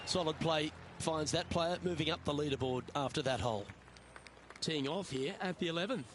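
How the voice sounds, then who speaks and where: A man voicing a measured golf commentator for a game, giving short, understated remarks on each shot. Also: a little high, lightly acted. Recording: clear outdoor ambient noise.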